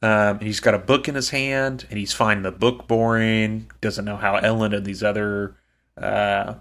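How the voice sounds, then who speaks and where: A man's voice: fairly low pitch, fairly even intonation, moderate pace, fairly bright tone. A man co-hosting a podcast, recapping a book in a chatty, joking way with lots of ums. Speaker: podcast co-host. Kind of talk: casual book-recap chat.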